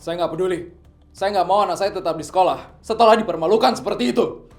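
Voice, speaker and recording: A man voicing a wealthy, protective father who is quick to anger and gives loud commands. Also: on the high side, steady tone, lightly acted. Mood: furious. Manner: commanding, raises his voice in anger. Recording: echoey room, faint music.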